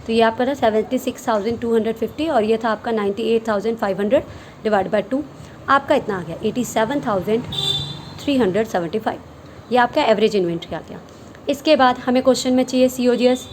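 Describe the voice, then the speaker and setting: A woman's voice: fairly high pitch, fast talker, darkish tone, a little hiss or hum, low-quality recording. A woman commerce teacher giving a recorded lesson, explaining step by step, asking questions and answering them herself, and mixing English terms into her Hindi.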